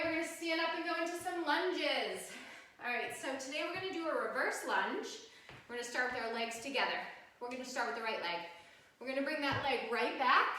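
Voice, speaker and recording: Female aerobics instructor, higher-pitched, encouraging cueing and counting, recorded off-mic in a very echoey home room. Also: bright, forceful tone. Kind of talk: live home workout class instruction. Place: sunny room at home, indoors. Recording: very echoey room, distant mic, faint noise.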